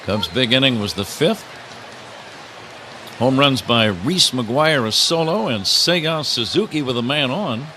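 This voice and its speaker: In a mid-range voice, a little slowly, a man calls a baseball game live for radio as play-by-play announcer. Behind him the outdoor ballpark carries on steadily, with slight background noise.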